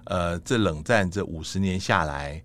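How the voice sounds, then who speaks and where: Deep-voiced Taiwanese Mandarin host. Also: male voice, moderate pace, a bit bright. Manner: reflective, attentive listener with frequent "mm" backchannels. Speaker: talk show host. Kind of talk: interview conversation.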